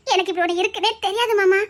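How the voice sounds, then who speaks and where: A sheltered young student, played by a woman, talks in a very high, light voice with a Tirunelveli accent. She is gentle and affectionate, teasing softly. It is web-series drama acting. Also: quick pace. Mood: tender. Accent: Tirunelveli Tamil.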